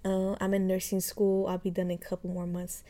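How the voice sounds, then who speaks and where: A woman in her twenties from Haiti hosts a casual podcast intro, her medium-pitched, dark-toned voice moving fairly quickly and staying monotone. She chats away with lots of fillers like "like" and "um," laughing lightly and often.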